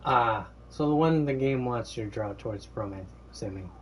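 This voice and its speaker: A man's voice: mid-range voice, brisk, slight background noise. A man commentating on a game he plays in a sarcastic, joking way. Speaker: let's play host.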